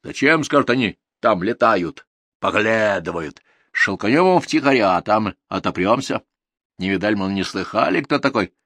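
A man's voice: on the low side, expressive, normal speed, sharp tone, dry recording, pitched above the performer's own voice, full character voice. A man voicing a sly, worldly-wise old peasant who lectures in folksy rural dialect. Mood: grumbling.

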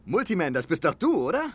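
A pushy wannabe sidekick. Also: male voice, sits high, husky, exaggerated voice. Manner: whiny, wheedling. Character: pushy eager ex-colleague man, wannabe sidekick. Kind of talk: radio drama acting.

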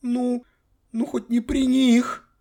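A man's voice: very high voice, monotone, takes it slowly, dark tone, voice pushed up, heavily acted. A man voicing a bratty teenage girl apprentice witch with a whiny, pleading manner. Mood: squealing.

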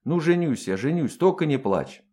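A hot-tempered colonel in his thirties, coarse and blunt, as a male narrator plays him. He talks in short, exclaiming bursts that swing widely in pitch. The voice sits slightly above the narrator's own. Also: big pitch swings, moderate pace, warm tone, husky. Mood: pleading. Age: 30s. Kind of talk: audiobook character voice.

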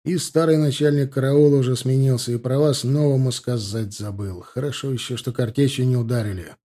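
A man's voice: mid-range voice, steady tone, a little fast, mellow, natural voice. A man voicing an easygoing young lieutenant. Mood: chatty. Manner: chatty, dismissive.

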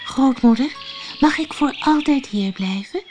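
A woman voicing Clara, a delicate young girl, in a storybook reading, speaking soft and dreamy. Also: sits high, lively intonation, unhurried, soft background music, pitched above the performer's own voice. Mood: hopeful.

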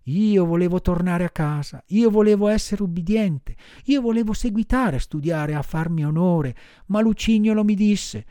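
A man's voice: high voice, moderate pace, few pauses, mellow, smooth, no echo, studio quality, voice pushed up, close to an everyday voice. A man voicing a wooden puppet boy in an audiobook, wailing and pleading in despair.

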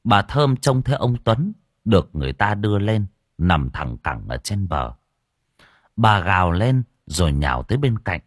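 A man narrating an audio story with expressive storytelling on a close mic. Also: on the low side, moderate pace, dry recording.

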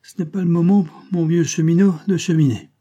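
A man voicing a brutish drunken male showman, shouting and blustering in an audiobook. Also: fairly high pitch, steady tone, a little fast, highs cut off, pitched above the performer's own voice, lightly acted. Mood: grumbling.

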